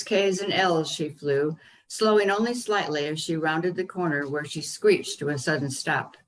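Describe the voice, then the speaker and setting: A woman author reading her own children's story aloud over a video call, unhurried with the odd um. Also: low voice, low-quality recording. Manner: unhurried reading with occasional ums.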